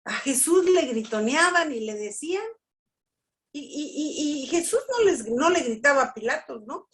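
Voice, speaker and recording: A woman teaching a family workshop in a preaching style. She talks slowly and emphatically, checks in with the audience, and acts out quotes. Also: high voice, lively intonation, a bit bright. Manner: slow, emphatic, with repeated "¿sí?" checks and acted-out quotes. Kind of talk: preaching talk.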